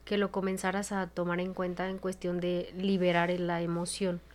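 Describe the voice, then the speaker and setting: A woman's voice: on the low side, little pitch movement, normal speed. A woman with a Mexican accent, a psychologist co-hosting a casual podcast chat, talking frankly and expressively and swearing freely. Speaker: psychologist co-host.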